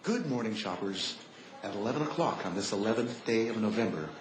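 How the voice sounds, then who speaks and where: A man's voice: lowish voice, lively intonation, a little fast, crowd noise. A man making a formal announcement to shoppers over a store intercom. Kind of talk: public address announcement. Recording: echoey loudspeaker in a store, from far off.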